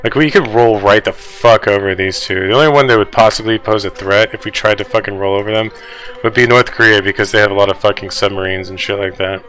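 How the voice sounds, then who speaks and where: Ranting, foul-mouthed man with a bright voice. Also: lowish voice, fairly even intonation, soft background music, poor audio. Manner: profane, ranting, heavy swearing; fast, fired-up speech addressed to viewers. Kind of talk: casual reaction commentary on news articles.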